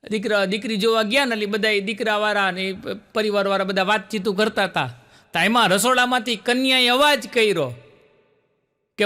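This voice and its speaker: A man telling jokes on stage, quick rural punchlines, jumping in pitch for the characters he quotes. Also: sharp tone. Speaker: stand-up joke teller. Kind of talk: comic storytelling.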